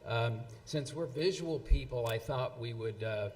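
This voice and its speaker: Halting man presenting in a reverberant hall. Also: medium pitch, darkish tone, a little hiss or hum. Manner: halting, many fillers and restarts. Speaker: event presenter. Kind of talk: speech reading quotations. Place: event hall.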